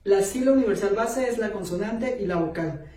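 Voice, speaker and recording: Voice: mid-range voice, fairly quick, warm tone. A course instructor giving an online video lesson step by step, with many filler words and words restarted mid-sentence. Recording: roomy echo, voice distant from the mic.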